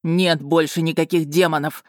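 A woman's voice: deep voice, steady tone, normal speed, no echo, studio quality, close to an everyday voice. Woman reading as an ecstatic male dragon. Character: lovesick male dragon, elated and overwrought.

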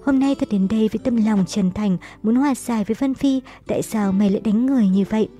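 A woman's voice: fairly high pitch, quick pace, mellow, soft background music, close to an everyday voice. A woman voicing a sly, two-faced young man. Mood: indignant.

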